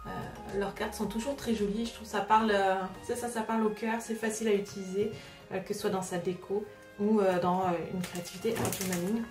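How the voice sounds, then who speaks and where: This craft vlogger hosts a laid-back unboxing video, talking fairly quickly in a mid-range, slightly mellow voice with little pitch movement. She's chatty but hesitant, full of filler sounds. The mic sits far from her in an echoey room, and music plays underneath.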